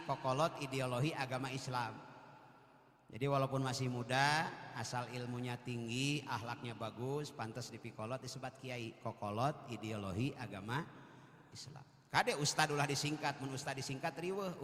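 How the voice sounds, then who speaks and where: A man with a Sundanese accent preaching a humorous sermon to a congregation, swinging from loud calls to quiet joking asides. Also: medium pitch. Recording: echoey hall with long reverb.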